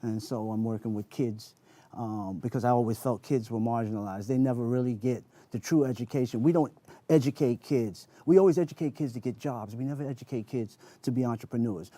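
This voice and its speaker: A man's voice: mid-range voice, a little fast, warm tone. A man speaking as an interview guest, earnest and emphatic, repeating phrases to drive points home. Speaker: interview guest, spoken word performer. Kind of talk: conversational interview talk.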